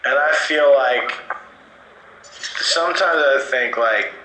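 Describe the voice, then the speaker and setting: A drunk man rambling sentimentally on a phone call, reading out inspirational quotes and halting mid-sentence. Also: medium pitch, bright, forceful tone, echoey room, a little hiss or hum. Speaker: comedy podcast host.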